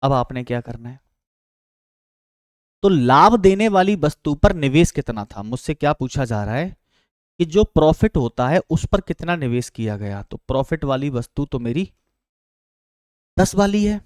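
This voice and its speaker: Man, maths teacher, slightly high voice, dry close sound, asks and answers his own questions. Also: expressive, moderate pace, pauses often, dry recording. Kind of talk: exam-prep maths lesson.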